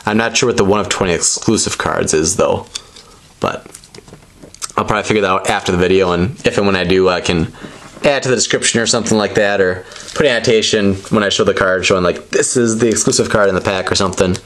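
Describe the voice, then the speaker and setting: Low-voiced man casually showing trading cards. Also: fast, a bit bright, slight background noise. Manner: rambling, tentative explaining. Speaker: presenter opening trading card packs. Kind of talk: casual unscripted show-and-tell commentary.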